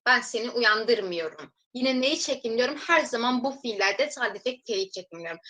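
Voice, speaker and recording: Woman language teacher, bright, slightly high voice, patient and methodical, reads examples slowly and then translates. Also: rough recording. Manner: addresses viewers as friends. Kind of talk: recorded language lesson.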